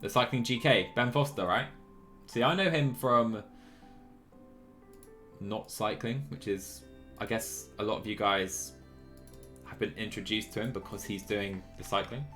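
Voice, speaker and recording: Background music plays while this man streams a cycling management game, musing aloud in a relaxed, slightly apologetic way. He has a lowish, sharp-toned voice and talks a little slowly, leaving long pauses.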